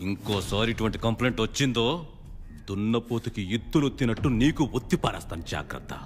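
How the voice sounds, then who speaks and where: A man's voice: fairly low pitch, animated, fast, long reverb tail, natural voice. An actor playing a stern, commanding local strongman who issues warnings. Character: stern authoritative local don, middle-aged man. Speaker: local strongman elder brother.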